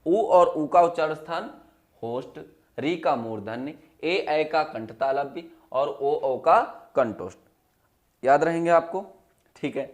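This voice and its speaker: A male teacher with a fairly high voice leads a lesson, asking questions over and over and repeating each answer. His voice sinks low and quiet whenever he gives the answer. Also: takes it slowly. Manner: drops to a low, quiet voice when giving the answers. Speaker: Hindi teacher. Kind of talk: classroom lesson.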